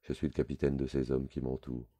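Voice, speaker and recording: A man reading a literary story aloud in a measured, low, intimate way. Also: level tone, dark tone. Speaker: reader.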